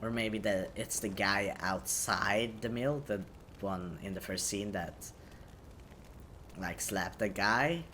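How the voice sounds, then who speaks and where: A man's voice: fairly low pitch, slow, pushed and bright, slight background noise. A man giving casual video game commentary, hesitantly thinking aloud as he goes. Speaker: gaming commentator.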